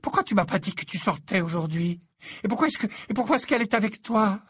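A man voicing a jealous teenage girl who talks in a rushed, accusing way. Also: high voice, expressive, a bit bright, husky, dry recording, studio quality, voice pushed up, heavily acted.

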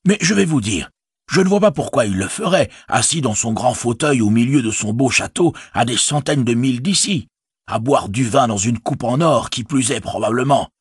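A man voicing a chatty, fretful stout innkeeper who rambles and exclaims, with a husky voice. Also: mid-range voice, expressive, moderate pace, no room sound, clean studio sound, voice pushed up. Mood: rambling.

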